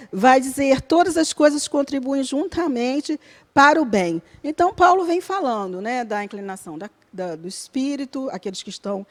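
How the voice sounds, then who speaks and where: A woman teaching a church Bible study lesson. She explains scripture earnestly, step by step, often checking in with tag questions. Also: high-pitched.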